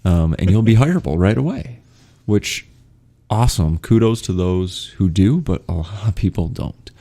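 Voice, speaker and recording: Very deep, gravelly young male podcast host. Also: normal speed. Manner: relaxed, laughs often, many fillers. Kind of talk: casual conversational interview.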